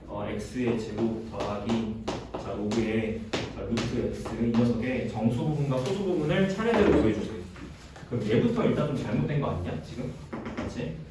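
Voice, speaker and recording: Lively male math teacher in an echoey classroom. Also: mid-range voice. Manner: checks in constantly with short questions, mixes casual and polite speech. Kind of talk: classroom lecture. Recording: roomy, distant classroom recording with faint noise.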